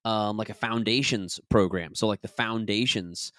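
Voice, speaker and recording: A man hosting a podcast and coaching his listeners, chatty and upbeat, his voice raspy as he recovers from being sick. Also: fairly low pitch, moderate pace, a bit bright, dry recording, clean studio sound. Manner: upbeat and enthusiastic; chatty and rambling. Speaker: podcast host and business coach. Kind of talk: casual podcast talk and reading from his own book.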